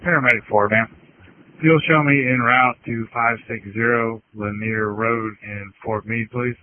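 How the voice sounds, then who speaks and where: A man's voice: mid-range voice, fairly even intonation, unhurried. A man working as a paramedic, calling in to dispatch over a two-way radio with polite, clipped, formal phrasing. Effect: two-way radio transmission. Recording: dry, tinny radio scanner audio.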